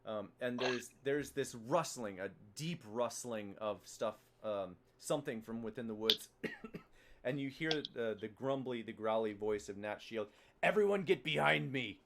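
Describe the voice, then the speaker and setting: A lower-voiced man runs a tabletop game and narrates the scene, halting often and filling pauses with ums and uhs. A faint background noise sits under his voice. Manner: halting, many fillers and restarts. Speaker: dungeon master.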